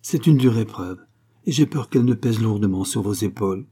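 A man reading a novel aloud and voicing a poor, gentle young clerk who speaks earnestly and tenderly. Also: on the low side, fairly quick, slightly rough. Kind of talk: audiobook reading.

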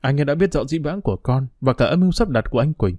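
A man's voice: medium pitch, lively intonation, fast talker, no echo, natural voice. A man voicing a weary young woman who pleads earnestly but firmly with her mother, in a storybook reading. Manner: earnest, pleading, quietly firm. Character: young woman, weary, firm, resigned daughter.

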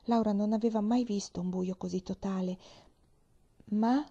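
Warm-voiced woman reading a story aloud. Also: mid-range voice, brisk, dull audio. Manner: expressive, drops to whispers. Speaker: reader. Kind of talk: audiobook narration.

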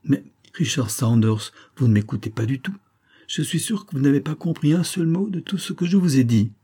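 A man voicing a gentle, earnest young woman in an audiobook, pleading softly with a friend. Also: lowish voice, normal speed, slightly rough. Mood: lively.

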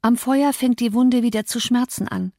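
A woman reading an audiobook, voicing a distraught, battered young woman who speaks in a breathless, agitated and higher-pitched way. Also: normal speed, dark tone, no echo, studio quality, close to an everyday voice. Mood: bitter agitated.

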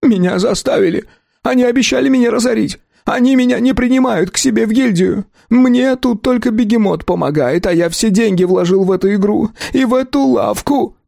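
A man's voice: high-pitched, lively intonation, fairly quick, creaky, a little mellow, no room sound, studio quality, voice pushed up, full character voice. A man voicing a terrified male shopkeeper who stammers and pleads through tears, in a storybook reading. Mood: tearful.

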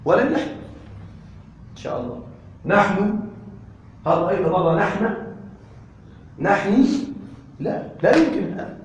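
A man teaching Arabic grammar to a class. He keeps asking whether his students follow and repeats key terms slowly. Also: high-pitched, lively intonation, a little hiss or hum. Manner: checks understanding with frequent questions to the class. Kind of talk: classroom lesson. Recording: echoey room, voice from a distance.

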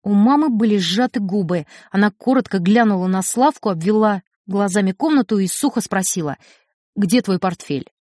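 A woman audiobook narrator reading a story in a measured, expressive way. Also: mid-range voice, no room sound. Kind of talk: scripted narration. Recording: dry studio recording.

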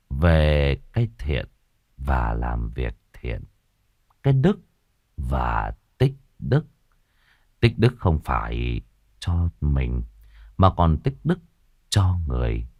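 A man voicing an elderly Buddhist monk who speaks slowly and solemnly. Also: extremely low pitch, very animated, dry recording, dull audio, pitched below the performer's own voice, heavily acted. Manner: slow, hushed, solemn advice.

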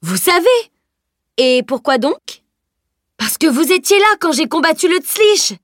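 A woman's voice: mid-range voice, animated, normal speed, no room sound, clean studio sound, lightly acted. A woman voicing a boastful hulking warrior man. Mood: pleading. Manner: loud, swaggering storytelling. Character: boastful hulking blond male warrior, big-hearted. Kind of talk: audiobook character voice.

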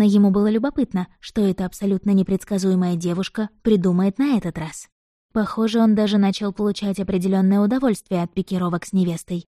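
A woman reading a novel aloud in even, measured scripted narration. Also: mid-range voice, no room sound, clean studio sound. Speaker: audiobook narrator.

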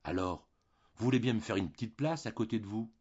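An eager, courteous young husband in an audiobook, his voice soft and pleading, as a man reads him. The voice is husky and on the low side. The sound is dull and lo-fi. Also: a little fast.

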